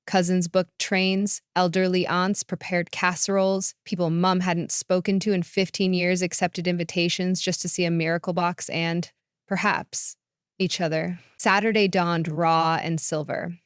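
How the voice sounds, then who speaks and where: A woman reads a short story aloud in a measured, even way. Her voice is lowish, smooth and clear. The sound is dry and close, with no room in it. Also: no room sound. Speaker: narrator. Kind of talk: scripted narration of a short story.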